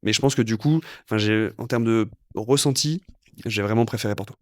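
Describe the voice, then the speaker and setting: A man's voice: on the low side, a little fast, dry recording, studio quality. A young man, a guest physiotherapist, chatting casually on a podcast and rambling with lots of fillers and restarts. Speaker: guest, physiotherapist and amateur triathlete.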